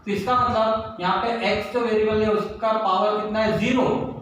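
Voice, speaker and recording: A man teaching a maths lesson, slowly asking his class questions and answering them himself. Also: high-pitched, fairly even intonation, fairly bright tone. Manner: slow, stretches English terms, asks and answers own questions. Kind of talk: blackboard maths lesson, Hindi mixed with English. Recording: echoey room, mic far off, faint noise.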